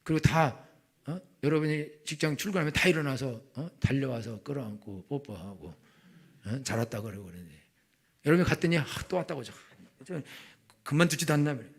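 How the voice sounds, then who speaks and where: A man's voice: medium pitch, lively intonation, brisk, gravelly, slightly rough. A middle-aged male pastor preaching a colloquial sermon, telling stories and acting out the voices of the people in them. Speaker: senior pastor.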